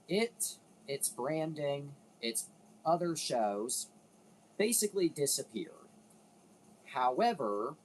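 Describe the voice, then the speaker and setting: A man's voice: medium pitch, darkish tone, a little hiss or hum, rough recording. Rambling man hosting casual commentary. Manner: rambling, self-interrupting, swears casually. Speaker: video host.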